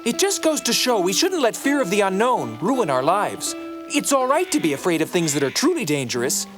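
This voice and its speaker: An actor playing a loyal, eager gnome assistant in a cartoon. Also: male voice, sits high, big pitch swings, fairly quick. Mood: earnest. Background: cartoon music.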